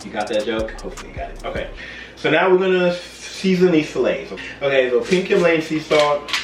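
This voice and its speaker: A man's voice: on the high side, animated, fairly quick, slight background noise. A tipsy man hosting a home cooking video, chatting casually and loosely, rambling and losing his train of thought. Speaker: home cooking show host. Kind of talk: casual chat to camera while cooking. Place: home kitchen. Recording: roomy echo, distant mic, music behind.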